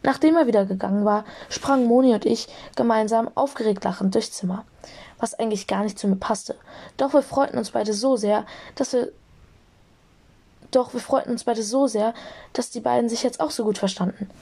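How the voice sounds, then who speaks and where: A young woman narrating a fan audiobook in a lively storytelling manner. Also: fairly high pitch, moderate pace, gravelly, breathy edge.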